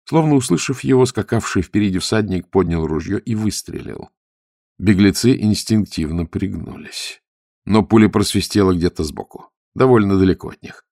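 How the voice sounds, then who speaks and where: Deep-voiced male audiobook narrator. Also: normal speed, dry recording, studio quality. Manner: vivid, expressive storytelling. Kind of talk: scripted adventure narration.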